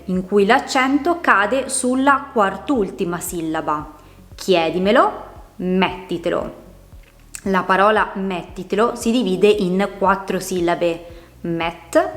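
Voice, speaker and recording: A woman's voice: mid-range voice, reverberant. A woman teaching a lesson, explaining step by step and sounding out words one syllable at a time. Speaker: Italian teacher. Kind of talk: slow, clear explanatory lesson.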